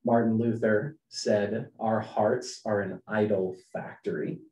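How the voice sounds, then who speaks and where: Male webinar presenter, earnest and animated, recorded from a distance in an echoey room. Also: lowish voice, slow pace, muffled recording. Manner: animated, acts out quotes in raised voice. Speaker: webinar presenter, company founder. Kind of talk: leadership webinar talk.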